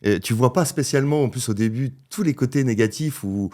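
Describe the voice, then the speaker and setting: A man's voice: medium pitch, brisk, mellow. Hesitant, agreeable man on a podcast. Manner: hesitant, agreeable, many fillers and repeats. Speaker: podcast co-host. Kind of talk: casual podcast conversation.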